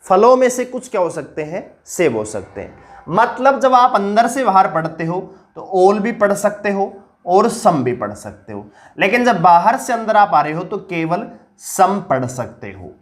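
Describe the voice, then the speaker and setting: A man with a sore throat teaches reasoning in an online exam-prep lesson and is very animated. He poses questions to viewers, then answers them himself in a lower, slower voice, walking through each step.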